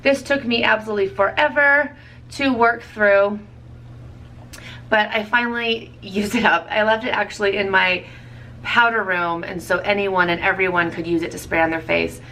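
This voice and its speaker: A woman's voice: mid-range voice, fairly even intonation, moderate pace, pushed and bright, far from the mic, a little hiss or hum. A woman in her thirties chatting casually as a beauty vlogger, rambling and correcting herself with small laughs. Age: 30s. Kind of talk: casual product review chat.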